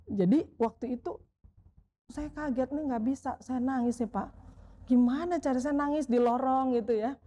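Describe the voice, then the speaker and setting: A middle-aged woman, a veteran sports broadcaster telling stories in a casual interview. She talks in an animated way, acts out the voices of people she quotes, and keeps adding a polite "Pak" for the man she is talking to. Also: high-pitched, muffled recording.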